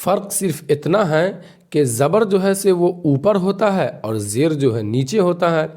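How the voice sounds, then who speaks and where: Guy teaching the alphabet, a bit high-pitched, slow and patient, keeps repeating and asking questions. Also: expressive, darkish tone. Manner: patient, repeats and quizzes the learner. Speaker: Urdu teacher.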